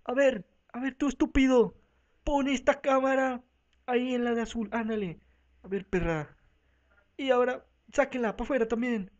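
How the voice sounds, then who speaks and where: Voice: medium pitch, normal speed, muffled recording. A speaker with a Mexican accent doing a rowdy, profane comic parody dub of a talk show, voicing every part and switching between voices. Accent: Mexican Spanish.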